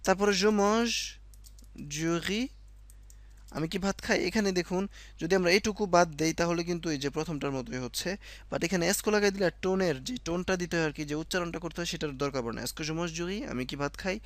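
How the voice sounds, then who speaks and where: Speaking fast in a slightly high voice with no echo, a man teaches French informally, breaking things down step by step. He repeats points, uses lots of fillers, and keeps correcting himself.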